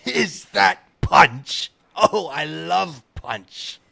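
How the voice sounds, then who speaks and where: An author reading aloud, a man voicing a drunken, bumbling, greedy nobleman with a loud, slurring bluster. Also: medium pitch, lively intonation, unhurried, creaky, husky, no echo, heavily acted. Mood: drunk, jovial.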